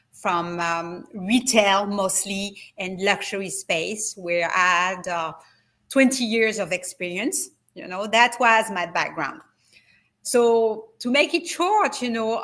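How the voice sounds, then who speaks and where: A French-accented woman, a wellness retreat founder, is a guest in a casual video-call interview, speaking hesitantly with many fillers and restarts. Her mid-range voice sounds pushed and bright.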